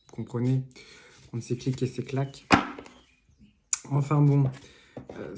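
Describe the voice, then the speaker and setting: A mellow, medium-pitched male voice delivers a relaxed tarot card reading. He meanders, peppering it with fillers, asides and jokes. The recording, made at home, is noisy with clicks.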